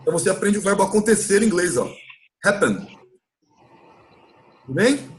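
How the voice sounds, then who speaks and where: A Brazilian man with a notably high-pitched voice and big pitch swings teaches English in a live online class recap. He has a Brazilian Portuguese accent, explains patiently, and drags words out slowly so listeners can copy the pronunciation.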